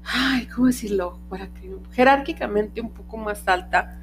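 Brief: woman host, casual and talkative, slightly high voice, hunts for words, restarts often. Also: normal speed, soft background music. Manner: searching for words, many restarts and fillers. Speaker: podcast host, dog trainer. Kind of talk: casual explanatory podcast talk. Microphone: podcast microphone.

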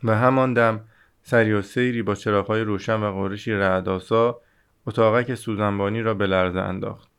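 A man narrating an audiobook in a steady storytelling manner. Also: fairly low pitch, clear, resonant tone. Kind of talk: scripted narration.

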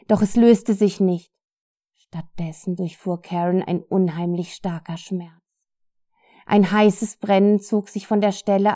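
A woman narrating a fantasy audiobook in a measured, calm way. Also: mid-range voice.

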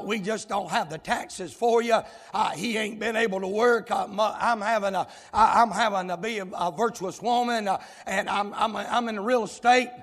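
A man's voice: high-pitched, vocal fry, fairly bright tone, heavily acted. A Southern US preacher voicing a poor woman who apologetically pleads that she cannot pay a debt. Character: poor woman, wife of a blind man. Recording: long church hall reverb.

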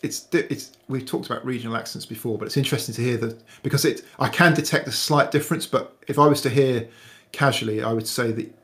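A man's voice: mid-range voice, fast talker, a bit bright. A man talking as a podcast guest in casual chat, hesitant and thoughtful, often restarting his words.

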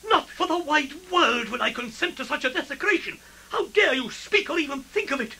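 A defiant young nobleman in a radio drama, shouting in outrage. His voice is very high, sharp and piercing. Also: expressive, fairly quick, full character voice. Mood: furious.

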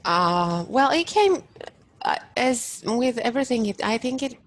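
A woman's voice: a little high, sing-song, unhurried. A woman from Romania, a podcast guest who talks casually and thoughtfully, often restarting her sentences. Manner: thoughtful, many restarts and fillers. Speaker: podcast guest, business owner. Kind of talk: casual interview chat.

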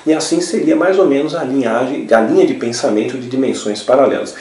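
A man's voice: mid-range voice, brisk, a little mellow. A man gives a religious teaching talk, explaining step by step and often checking in with tag questions. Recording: roomy, from a distance.

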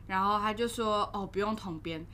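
A young woman with a Taiwanese Mandarin accent, co-hosting a podcast in casual chat and telling animated stories with frequent laughter. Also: medium pitch, normal speed, a little hiss or hum. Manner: animated storytelling, often breaks into laughter. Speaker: podcast co-host.

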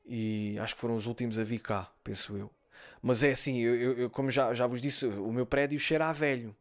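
A young adult man with a European Portuguese accent, hosting a podcast and telling stories in a casual, animated way, often swearing and imitating sounds and other people's voices. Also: mid-range voice, a little fast. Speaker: podcast host. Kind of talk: casual storytelling monologue.

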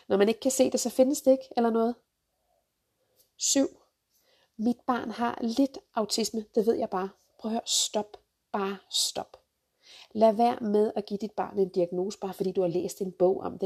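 A woman ranting through a countdown of pet peeves, blunt and sarcastic, swearing freely and jumping into sharp outbursts. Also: mid-range voice, husky. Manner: jumps to sharp loud outbursts. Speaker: vlogger, mother.

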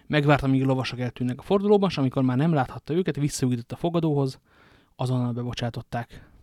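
A man's voice: mid-range voice, darkish tone, no echo. Man narrating a novel, dry sound. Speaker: audiobook narrator. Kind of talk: novel reading.

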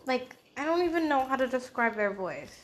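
A woman's voice: high voice, big pitch swings, moderate pace, a little hiss or hum. A young woman co-hosting a casual podcast, rambling through a story with many fillers and mild swearing. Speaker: podcast co-host.

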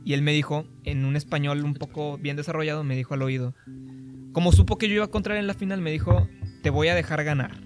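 A man's voice: fairly high pitch, fast, soft background music. A young man from Mexico with a Mexico City accent, telling a story animatedly in a casual chat among friends, laughing often. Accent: Mexico City Spanish. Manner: animated, laughing, acts out voices in his anecdotes.

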